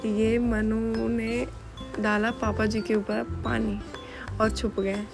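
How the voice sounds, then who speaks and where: A woman's voice: on the high side, level tone, slow pace, vocal fry, music in the background. A young woman narrating a casual home vlog, telling a story in a chatty, giggly way. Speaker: vlogger.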